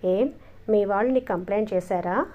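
A woman voicing an irritable young husband who speaks in a sharp, impatient, sarcastic way. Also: mid-range voice, normal speed, close to an everyday voice. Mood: curt.

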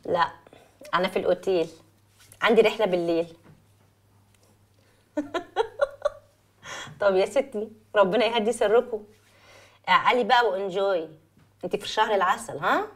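An actress playing a calm young best friend who soothes and coaxes, speaking with an Egyptian accent. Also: female voice, mid-range voice, fairly quick, pauses often, lightly acted. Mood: playful. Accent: Egyptian Arabic. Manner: soothing, coaxing, playful. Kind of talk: Egyptian film acting.

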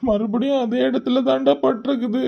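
A man plays a loyal young cartoon friend who comforts his mate in a Kanyakumari Tamil accent. His voice is steady, reassuring and fairly high, and the recording is dull and lo-fi. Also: a little fast, creaky.

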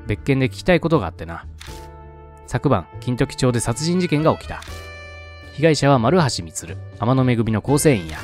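A man's voice: medium pitch, very animated, moderate pace, darkish tone, faint music behind, close to an everyday voice. A man voicing a nosy young woman detective in an attempted Kansai dialect, blunt and pushy.

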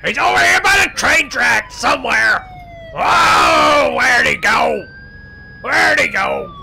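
A man's voice: very high-pitched, huge pitch swings, slow pace, gravelly, pushed and bright, raised voice, some chatter behind, heavily acted. A man playing an impatient, bossy villain, barking whiny orders in a comic game roleplay. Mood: frantic, bossy. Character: impatient, bossy Southern county boss, male villain.

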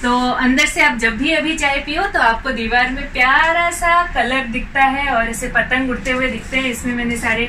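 A woman in her thirties with a high, bright voice chats cheerfully as she shows off her balcony, often slipping in English words. The camera mic sits a little away from her, and faint outdoor air hums behind her voice. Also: moderate pace, hardly any pauses, distant mic, a little hiss or hum, rough recording. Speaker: home decor vlogger. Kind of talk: casual video tour narration. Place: small apartment balcony outdoors.

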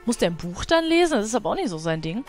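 A woman's voice: mid-range voice, sing-song, rapid-fire, soft background music. A woman giving casual let's play commentary, chatting to her game characters and laughing often.

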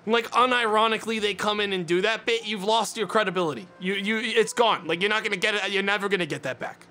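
A streamer in his twenties chats casually with his viewers from a small, dim room indoors, ranting in a mock-indignant way and swearing often. He talks fast in a high-pitched, sharp voice.

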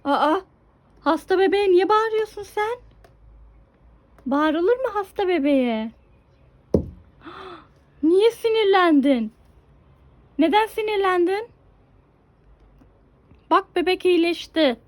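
A woman's voice: very high voice, expressive, takes it slowly, pauses often. A mother coaxing her toddler through a pretend doctor game, giving instructions and exclaiming often.

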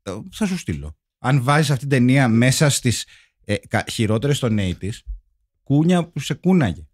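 Halting mid-pitched male film podcaster. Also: sing-song. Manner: halting, restarts words often. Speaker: podcast co-host. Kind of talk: casual film-review chat.

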